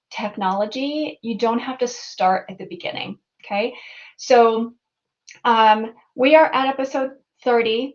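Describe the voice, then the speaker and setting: A woman's voice: fairly high pitch, highs cut off. A woman hosting and guiding a live tech lesson, upbeat and chatty, with frequent restarts and fillers. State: out of breath at the start. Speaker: host and guide of a technology webinar.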